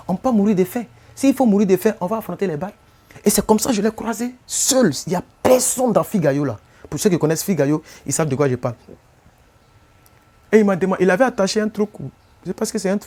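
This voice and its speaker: Speaking fast in a high, warm voice with lively intonation, an Ivorian man hosts a casual live stream in Ivorian-accented French. He goes over the same points repeatedly and keeps asking viewers whether they follow, in the form of rhetorical questions.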